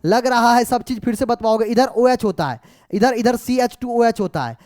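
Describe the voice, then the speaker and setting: A man's voice: extremely high pitch, moderate pace, darkish tone, dry recording, clean studio sound. A man tutoring students through exam paper solutions, mixing English terms into his explanation, scolding and coaxing them and often checking whether they have understood.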